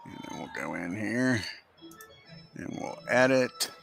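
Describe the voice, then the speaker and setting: A man calling play-by-play for a simulated baseball game, talking himself through the game software and swearing under his breath when it fights him. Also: fairly low pitch, lively intonation, slow pace, creaky, soft background music. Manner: talks to himself while working the game software. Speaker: host of a baseball simulation channel.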